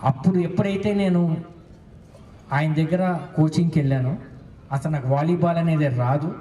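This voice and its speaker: A man's voice: fairly high pitch, steady tone, moderate pace, mellow. A man, a former national volleyball player, giving an earnest motivational speech with a personal story, mixing in English phrases. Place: school event hall. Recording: echoey hall, voice from far off.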